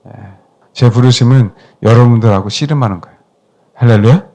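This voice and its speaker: A man's voice: mid-range voice, brisk, warm tone. A middle-aged male pastor preaching a sermon, pressing the congregation with emphatic questions and calls for amens.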